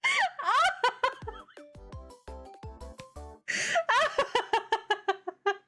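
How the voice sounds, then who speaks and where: Soft music plays as a young art streamer chats while she draws, her extremely high voice sing-song, bright and forceful, with drawn-out words. She's giggly and playful, laughing often through the casual conversation.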